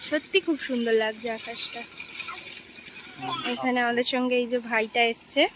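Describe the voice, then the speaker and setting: A woman's voice: fairly high pitch, fairly even intonation, moderate pace, background noise. A young woman with a Bengali accent, chatting casually through a daily vlog, filling her talk with "so". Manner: chatty, filler-heavy, keeps saying "so". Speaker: vlogger. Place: home and outdoors on streets and by the river.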